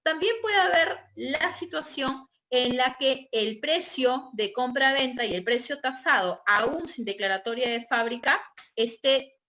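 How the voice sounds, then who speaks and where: A woman's voice: sits high, measured pace, sharp tone. A woman giving an online real estate training lecture, explaining step by step and checking in with her listeners. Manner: explanatory, checks in with tag questions.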